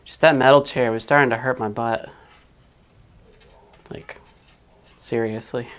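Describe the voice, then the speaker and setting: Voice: medium pitch, fairly even intonation, a little slow, fairly bright tone, smooth. A live-streamer chatting casually while wiring a 3D printer in a small hot room at home, muttering to themselves and swearing now and then. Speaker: livestreamer building a 3D printer.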